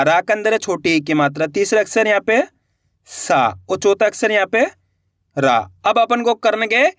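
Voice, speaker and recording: A man from India patiently teaching a slow, step-by-step reading lesson, drawing out syllables and repeating each point. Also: high voice, fairly bright tone, no room sound, studio quality. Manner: patient, repetitive, drawn-out syllables.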